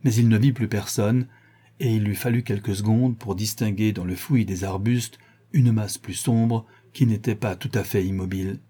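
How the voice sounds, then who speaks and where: A man narrating an audiobook in a measured, even reading. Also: lowish voice, breathy edge.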